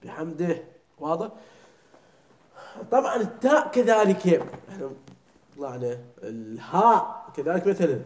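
A man leads a religious class, his voice sitting somewhat high. He keeps stopping to ask whether he is understood and repeats words slowly to drill their pronunciation. The sound bounces around an echoey room. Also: animated, a little mellow. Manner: keeps checking understanding with short questions. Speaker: religious teacher. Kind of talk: classroom lesson on prayer recitation.

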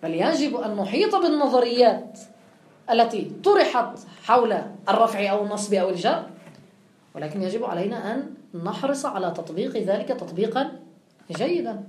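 A woman's voice: fairly high pitch, animated, brisk, darkish tone, reverberant. A woman giving a classroom lecture, explaining step by step and putting questions to her students before answering them. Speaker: teacher.

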